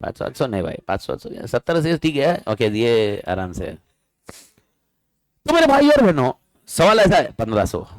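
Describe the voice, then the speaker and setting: A male teacher giving a lively classroom lecture, bantering and firing questions at his students. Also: on the low side, brisk, no echo, rough recording.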